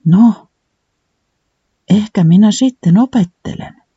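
A man's voice: sits high, warm tone, slightly rough, no echo, highs cut off, pitched above the performer's own voice. A man voicing a small, timid storybook creature who longs to fly and speaks hesitantly and cautiously.

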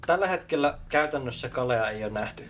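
A man's voice: mid-range voice, expressive, fairly bright tone. A man playing a tabletop role-playing game, describing his character's moves casually with lots of hesitant fillers. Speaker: player.

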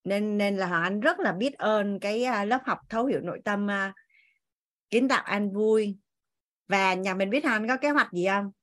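A woman leads an online class over a video call. She speaks to the group as family and coaxes them along. Her voice sits at a middle pitch. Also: moderate pace, fairly bright tone. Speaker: class teacher. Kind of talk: leading an online class discussion.

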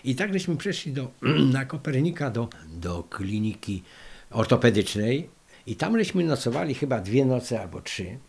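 An older man from Poland with a gravelly, creaky voice recalls his past in a lively, rambling way, full of fillers and asides. He speaks at a middle pitch and tells his story as an interviewee. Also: normal speed. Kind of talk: oral history storytelling.

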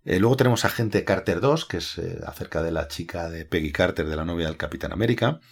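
A man with a very low, husky voice, giving blunt opinions in a casual chat on a comics podcast. He states his likes and dislikes plainly. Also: lively intonation, quick pace. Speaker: podcast co-host.

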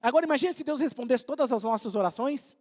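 A man with a strikingly high voice delivers a casual, humorous sermon, acting out short everyday exchanges as he goes. His delivery swings up and down with animated energy. The sound carries a long reverb, as if filling a large church hall. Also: quick pace. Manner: humorous, acts out little dialogues. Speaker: preacher. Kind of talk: conversational sermon.

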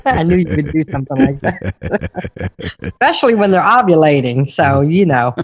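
A woman's voice: sits low, big pitch swings, moderate pace, husky, in a large hall. A woman host chatting casually, explaining things in a conversational way. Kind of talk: casual chat explaining studies.

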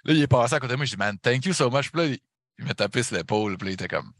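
Animated husky Québécois man. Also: mid-range voice, rapid-fire, no echo. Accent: Québécois French. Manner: animated, slangy, peppered with English and swearing. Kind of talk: casual storytelling chat.

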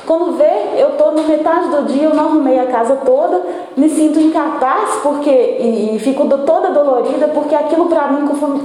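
A Brazilian woman in her forties, speaking as a patient, giving a halting personal account full of restarts. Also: high voice, dark tone, heavy reverb, slight background noise, poor audio. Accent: Brazilian Portuguese. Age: 40s. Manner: halting, many restarts and self-corrections.

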